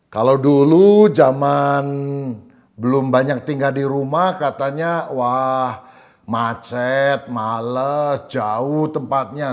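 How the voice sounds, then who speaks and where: Storytelling male preacher, slightly high voice. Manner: storytelling preacher, lively, acts out dialogue. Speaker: pastor. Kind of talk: sermon. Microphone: church online service recording.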